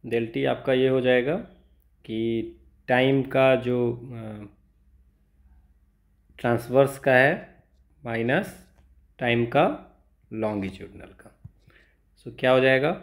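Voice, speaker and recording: With a steady, gravelly voice at medium pitch, this Indian tutor breaks down exam questions step by step. His delivery is halting, switching between Hindi and English and often tacking on small check-ins for the listener.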